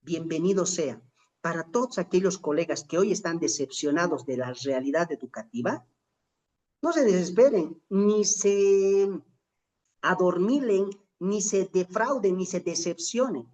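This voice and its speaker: A middle-aged Bolivian man lecturing in an online teacher-training course speaks at a medium pitch, with a darkish tone, in a reflective, motivational way. Expressive and unhurried, he's emphatic and rhetorical, posing questions to fellow teachers and drawing out key phrases for weight.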